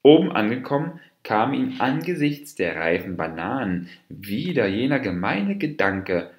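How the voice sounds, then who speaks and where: A man's voice: mid-range voice, unhurried. A man reading a fairy tale aloud as an audiobook narrator, telling it expressively. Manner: expressive storytelling. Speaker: audiobook reader. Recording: roomy echo.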